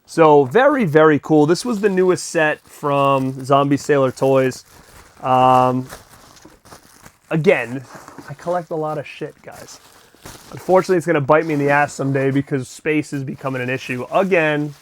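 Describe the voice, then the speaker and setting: A middle-aged man hosting a casual unboxing vlog, chatty and excitable, swearing now and then. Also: fairly high pitch, normal speed, a little hiss or hum. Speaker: collector vlogger and host.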